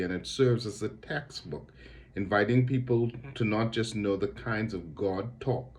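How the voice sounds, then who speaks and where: A middle-aged man from the Bahamas, a theologian talking to camera about his work in a thoughtful, measured way, repeating words as he searches for them. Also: fairly low pitch, darkish tone. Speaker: theologian and lecturer.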